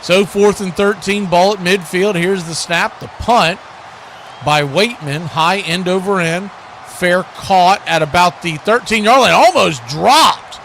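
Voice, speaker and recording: An American man calls live football play-by-play on the radio and reads station promos, describing the action in clipped announcer phrases. His voice is high and fairly bright, delivered at a measured pace. There's a slight hiss or hum.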